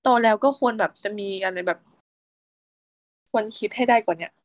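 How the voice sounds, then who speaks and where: A woman's voice: medium pitch, normal speed, no room sound. A young woman from Thailand, a student co-hosting a podcast, chatting casually in a blunt, slangy way with a close friend. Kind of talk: casual chat.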